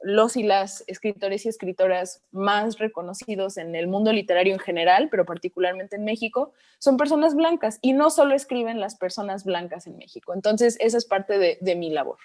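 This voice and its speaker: A young woman from Mexico in her twenties, a writer answering interview questions thoughtfully, pausing often to find her words. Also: medium pitch, darkish tone. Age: 20s. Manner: thoughtful, with frequent hesitations. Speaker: guest, writer.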